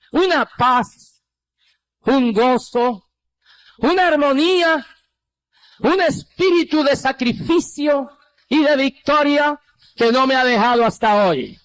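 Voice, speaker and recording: An older man from Rico, preaching an impassioned testimony sermon and dropping low on quoted replies. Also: expressive, takes it slowly, fairly bright tone. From Puerto Rico.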